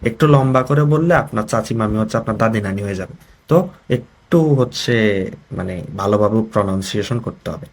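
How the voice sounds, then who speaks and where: Husky-voiced man teaching Japanese vocabulary. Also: lowish voice, fast. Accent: Bangladeshi. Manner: explains each word, then reads a short example and translates it, with frequent check-ins. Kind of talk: vocabulary lesson.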